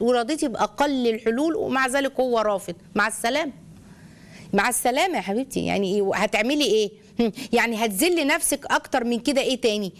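A middle-aged woman with an Egyptian accent hosts a call-in advice show. She talks quickly and fires probing questions at the caller. Her voice is fairly high, and her counsel comes across motherly and emphatic. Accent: Egyptian Arabic. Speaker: radio advice host.

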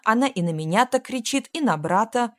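A woman reading an audiobook, voicing a childlike young man who shrieks and shouts in a drawn-out way. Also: a little high, lively intonation, no room sound, clean studio sound, voice pushed up, natural voice. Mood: shrieking.

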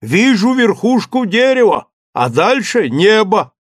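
Storybook part: man doing a timid, sly old servant, high drawling calls, dry close sound. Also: sing-song, slow, slightly rough, no room sound, full character voice. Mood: calling down. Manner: plaintive, wheedling servant talk. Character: old male servant climbing a tree, simple, fearful, sly. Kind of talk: audiobook character voice.

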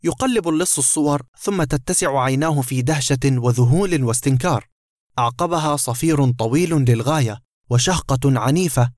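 A man's voice: medium pitch, fairly quick, darkish tone, no echo, clean studio sound. A man narrating a dramatic short story in Arabic literary style, describing the action between characters.

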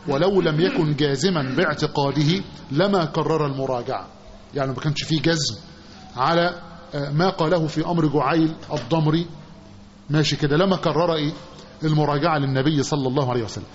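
Fast-talking Egyptian religious teacher. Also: male voice, a little high. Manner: asks the class questions, repeating phrases with a drawn-out "what?". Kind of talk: hadith commentary lesson. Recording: dull lo-fi recording with faint hiss.

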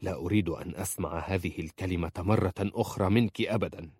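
A man's voice: sits low, fast talker, darkish tone, slightly rough, dry recording. A man voicing a stern, harsh husband who speaks in cold, commanding tones in an audiobook.

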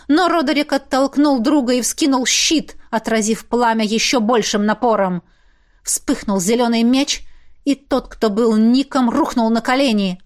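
A woman narrating a fantasy audiobook with an expressive, dramatic reading. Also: on the high side.

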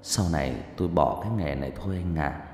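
A man's voice: a bass voice, quick pace, voice pushed down. A man voicing an exhausted shipwrecked man who weeps and whispers his thanks. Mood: tearful, grateful. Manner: faint, tearful whisper. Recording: roomy reverberant room, soft music.

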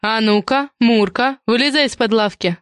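A woman playing a snide bossy woman, sarcastic, interrogating, raised pitch, dry close audiobook sound. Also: normal speed, no room sound, close to an everyday voice. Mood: mocking. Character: sharp-tongued bossy woman Tatyana, mocking.

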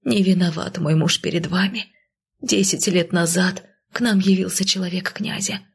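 A woman voicing a frightened, gentle undead young mother who speaks softly and beseechingly. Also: fairly low pitch, moderate pace, gravelly, husky, heavily acted. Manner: soft, whispered and beseeching.

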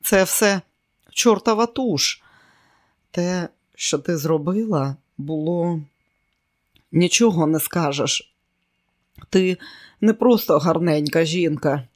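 A timid, soft-hearted young woman, as a male reader puts her on, hesitant and apologetic. She comes out in a raised voice that drops soft and quiet at times. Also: on the low side, takes it slowly, pauses often. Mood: tearful.

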